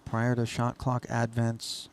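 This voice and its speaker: A man's voice: mid-range voice, completely flat delivery, slow, a little hiss or hum. A man commentating live on a poker tournament in wordy, florid phrasing.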